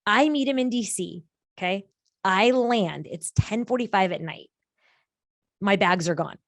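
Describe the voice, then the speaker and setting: A woman telling a story on a video-call podcast, her voice jumping high whenever she acts out what others said. The recording is dry and close, with no room sound. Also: measured pace, no echo. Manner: lively, acts out quoted people with big pitch jumps. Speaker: guest. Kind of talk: animated storytelling in a podcast chat.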